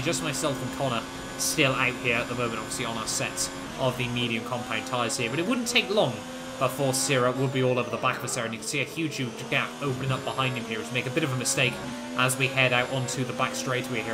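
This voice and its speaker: A man's voice: medium pitch, heavy background noise. A man giving conversational, rambling commentary on a racing video game he played. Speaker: gaming video host, league racer.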